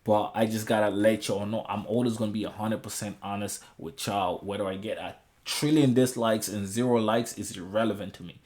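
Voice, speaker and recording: Low-pitched man rambling casually. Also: fairly even intonation, a little fast, few pauses, a little mellow. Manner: repetitive, with frequent checking tags like a conversational rant; slangy, freely swearing. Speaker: video creator giving opinions on manga and music. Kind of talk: casual rambling opinion monologue to viewers.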